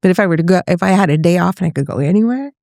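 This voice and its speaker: Interview guest: middle-aged woman from Northern California, low-key gravelly voice, dry close sound, chatty with restarts. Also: animated, racing, mellow, no room sound. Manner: chatty, laughs often, trails off and restarts. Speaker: guest, voice teacher. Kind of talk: casual interview chat.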